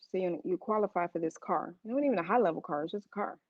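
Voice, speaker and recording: A woman's voice: fairly low pitch, quick pace, no room sound, highs cut off. A woman preaching a sermon, telling stories to the congregation in a conversational, emphatic way.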